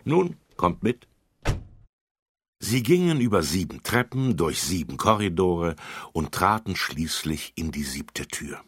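A man with a low, husky voice reads a children's story aloud, unhurried and with a very lively rise and fall. The sound is close and dry, with no room echo. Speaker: narrator.

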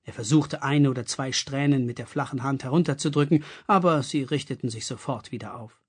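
Husky, expressive storybook reader. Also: medium pitch, fairly quick. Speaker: audiobook reader. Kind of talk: scripted narration.

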